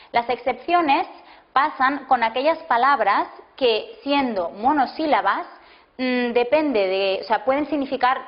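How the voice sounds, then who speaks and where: A woman teaching a language lesson, explaining rules slowly and dictating example sentences word by word. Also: a little high. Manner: slow, deliberate, breaks sentences into single words. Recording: dull lo-fi classroom video audio.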